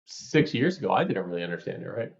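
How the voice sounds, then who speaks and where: Man, podcast co-host, lively storyteller, lowish voice, slightly dull recording. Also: fast, creaky. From New York, USA. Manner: animated storyteller, explains with examples. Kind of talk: casual podcast chat. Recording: roomy, slightly dull sound.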